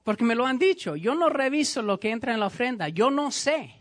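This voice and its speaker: A man's voice: extremely high pitch, sing-song, brisk, a bit bright. A man preaching a sermon as pastor, emphatic and repetitive, speaking directly to his congregation.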